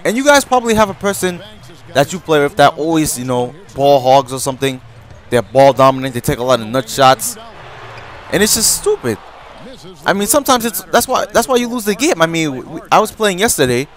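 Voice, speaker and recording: A man's voice: a little high, very animated, a little fast. A young man telling a rambling story in a casual vlog, with lots of restarts and a sore throat, as a gaming YouTuber.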